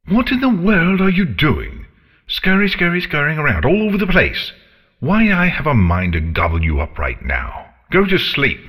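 A man's voice: a little high, huge pitch swings, moderate pace, fairly bright tone, breathy edge, voice pushed up, full character voice. A man voicing a grumpy, haughty female dragon who makes mock threats in a storybook reading. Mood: bellowing.

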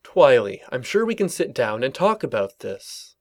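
A man voicing a calm, worried male pony who soothes his little sister. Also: medium pitch, moderate pace. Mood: placating. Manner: soft and placating.

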